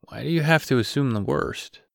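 A male narrator voicing an eager, easily delighted adult man in an audiobook, with an earnest, excitable manner. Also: medium pitch, normal speed, gravelly, no room sound, clean studio sound, pitched above the performer's own voice, natural voice. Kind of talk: audiobook character reading.

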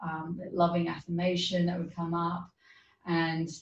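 A woman with a fairly low voice tells a personal story on a podcast, earnest and animated and quick to laugh. She sounds far from the mic, in a roomy, echoing space. The sound is muffled and dull. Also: slight background noise. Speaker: podcast guest. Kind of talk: casual storytelling chat.

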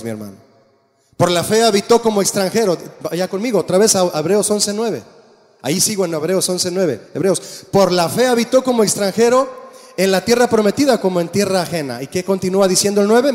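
A man preaching a sermon as pastor, animated and asking the congregation questions. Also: high voice, brisk. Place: church. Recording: long church reverb.

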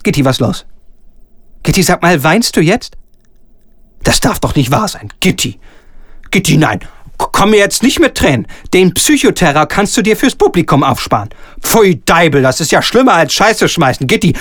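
A man reading aloud and voicing a pompous, bullying theatre director who swings between sugary coaxing and shouting. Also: sits high, big pitch swings, moderate pace, dry recording, studio quality, exaggerated voice. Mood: ranting, wheedling. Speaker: stage director. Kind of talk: solo reading of a comic radio scene.

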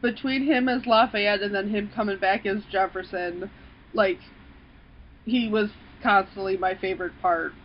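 A woman co-hosting a casual podcast chat, animated and laughing often, with casual swearing. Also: medium pitch, moderate pace, dull audio. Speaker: podcast co-host.

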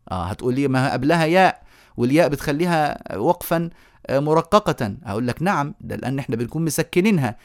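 A man gives a remote lesson on recitation rules, in a voice of middle pitch recorded dry and close. He moves step by step, puts questions to his students, and slows down to chant verse examples. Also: dry recording. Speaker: Quran recitation teacher. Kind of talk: remote lecture on tajweed.

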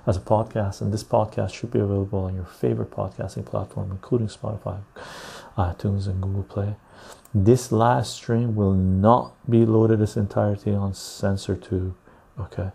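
A man hosting a casual live stream into a clip-on lapel mic, chatting to viewers in a chill, husky, gravelly voice. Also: lowish voice, dark tone. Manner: chill, unhurried talk addressed to viewers. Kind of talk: casual livestream chat.

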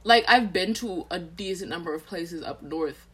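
A young woman from Texas with a Southern American accent, co-hosting a casual podcast chat and getting animated. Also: normal speed, slightly rough. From Texas, USA. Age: young adult. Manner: animated, swings up high when riled. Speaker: podcast co-host.

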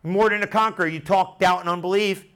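Preaching with animation, this middle-aged pastor talks fast in a high, clear, resonant male voice. Repeated phrases pull responses from the congregation.

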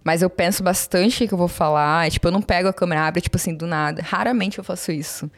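A woman's voice: fairly low pitch, fast. A Brazilian woman chatting casually as a guest, talkative and self-deprecating, with many fillers. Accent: Brazilian Portuguese. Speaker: guest, social media marketer. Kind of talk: casual conversation.

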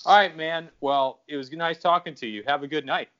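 A man's voice: on the high side, fairly quick, fairly bright tone. A man hosting a podcast in casual chat, joking and laughing as he talks. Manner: jokey and laughing. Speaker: podcast host. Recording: dull lo-fi sound.

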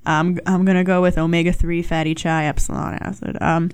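A woman's voice: lowish voice, little pitch movement, brisk, clear, resonant tone. A young woman hosting a podcast alone, chatting casually in a rambling, self-mocking way with frequent swearing. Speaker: podcast host. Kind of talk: casual solo podcast chat.

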